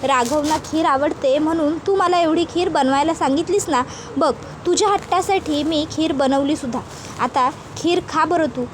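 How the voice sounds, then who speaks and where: Woman plays a scheming middle-aged mother, cold, high. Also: normal speed, slight background noise, natural voice. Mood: coaxing. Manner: coldly scheming, coaxing.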